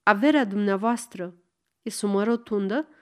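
A woman's voice: mid-range voice, darkish tone, clean tone, close to an everyday voice. A woman voicing a curious, scheming middle-aged male notary who asks formal, polite questions. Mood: polite, probing.

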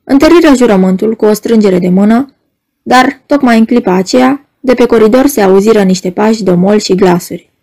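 A woman narrating an audiobook in a measured, even storytelling manner. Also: medium pitch. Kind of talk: scripted narration.

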